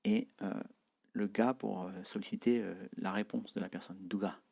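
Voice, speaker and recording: A man teaching a language lesson, explaining slowly with many hesitations and repeating example phrases. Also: lowish voice, steady tone, creaky, a little mellow, husky.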